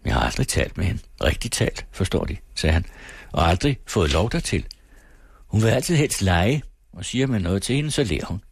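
A man's voice: sits low, very animated, gravelly, husky, no room sound, exaggerated voice. A man reading aloud, voicing a brooding young man who speaks earnestly and hesitantly.

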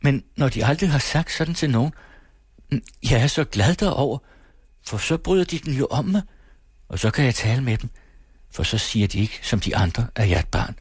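A man's voice: medium pitch, animated, husky, dry recording, studio quality, voice pushed up. A man reading aloud, voicing a shy, earnest young woman who speaks eagerly and breathlessly. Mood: eager joy.

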